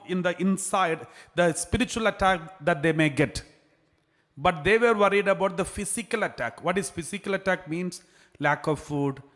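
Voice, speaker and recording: Male priest preaching in a big church, kinda high voice, earnest and slow, restarts a lot, cathedral echo everywhere. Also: a bit bright. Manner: measured and earnest, with frequent restarts. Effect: cathedral echo, long church reverb. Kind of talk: gospel reading and homily. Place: large church. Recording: long hall reverb in a church.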